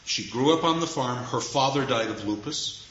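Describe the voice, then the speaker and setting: A man's voice: mid-range voice, moderate pace, fairly bright tone, slight background noise. A man giving an anecdotal lecture, a wry storyteller who chuckles at his own asides. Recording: echoey, dull room recording with faint ambience.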